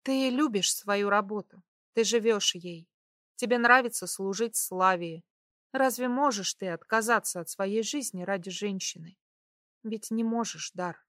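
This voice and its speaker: A woman's voice: mid-range voice, a little slow, a bit bright, dry recording, close to an everyday voice. The narrator plays a proud young woman on the run in an audiobook romance. She speaks coolly and turns biting and mocking. The recording is dry and close. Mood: indignant. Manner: cool, then sharply mocking. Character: young woman in hiding, proud and sharp-tongued.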